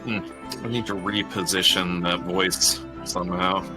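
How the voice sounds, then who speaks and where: A man's voice: deep voice, steady tone, a little slow, over music. A man chatting casually as he plays a video game and voices its characters. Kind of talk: casual chat during gameplay.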